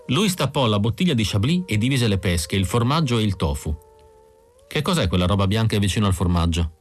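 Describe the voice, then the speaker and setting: A man reading an audiobook in a measured, even scripted narration. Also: on the low side. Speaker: audiobook reader.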